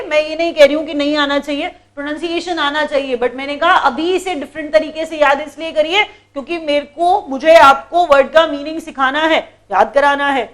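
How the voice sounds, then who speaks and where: A woman with an Indian accent teaches English vocabulary in a lesson, with a high, light voice. She explains patiently, says each word more than once and keeps quizzing her students with questions. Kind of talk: classroom lesson.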